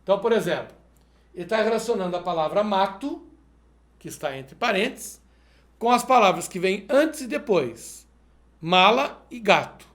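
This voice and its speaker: A man's voice: sits high, lively intonation, normal speed, reverberant. A male math teacher solving exercises step by step in a video lesson, checking in with the viewer as he goes. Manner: methodical, explains step by step, asks "perfeito?".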